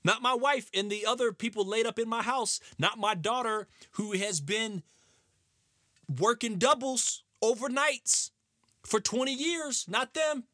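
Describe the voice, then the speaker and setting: A man ranting sarcastically in a lively, animated way, recorded close and dry. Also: extremely high pitch, a little slow, no room sound. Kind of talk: comedic rant.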